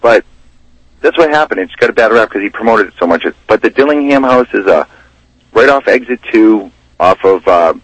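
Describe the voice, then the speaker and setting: A man's voice: fairly low pitch, lively intonation, normal speed. A man chatting casually as a guest in a radio interview, with a folksy, rambling way of talking that circles back over phrases. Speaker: radio guest, local ghost investigator and tour guide. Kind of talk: casual radio interview chat about local history. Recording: dull, roomy, lo-fi radio line.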